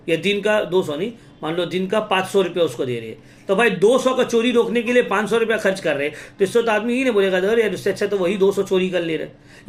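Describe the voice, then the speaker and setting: A young man from India, lecturing students on business studies and using English terms and small acted examples. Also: high voice. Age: young adult. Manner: lively, talks straight to students with Hinglish terms and acted examples. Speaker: teacher. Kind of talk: exam-prep lecture.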